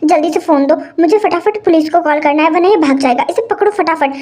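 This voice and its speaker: A woman voicing a hot-tempered young woman who stammers and scolds loudly in a fan audio story. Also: very high voice, fast. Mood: bossy. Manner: shouty, stammering, indignant.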